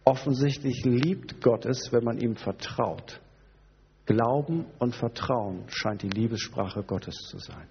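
A man's voice: medium pitch, slow pace, big-room sound, muffled recording, a little hiss or hum. A man preaching a sermon, conversational and sometimes sarcastically joking, reflective in tone. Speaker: pastor.

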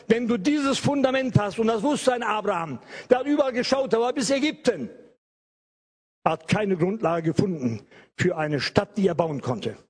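A man's voice: high-pitched, slightly rough. An older man preaching an evangelical sermon, emphatic, repeating phrases and stretching key words.

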